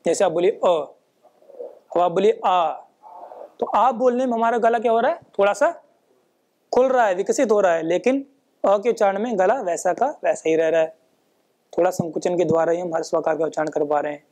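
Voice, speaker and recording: A woman teaching in a patient classroom manner, pausing to ask a question and then answering it herself. She sounds out syllables slowly and one at a time, and keeps checking in with her listeners. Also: fairly low pitch, darkish tone. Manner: frequent checking tags like "है ना?". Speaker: Sanskrit teacher. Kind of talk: explanatory phonetics lecture.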